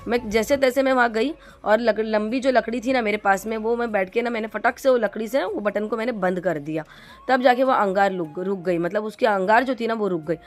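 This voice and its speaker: A middle-aged woman from India telling a vlog story to her viewers, chatty and rambling with lots of fillers and restarts. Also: fairly high pitch. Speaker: vlogger.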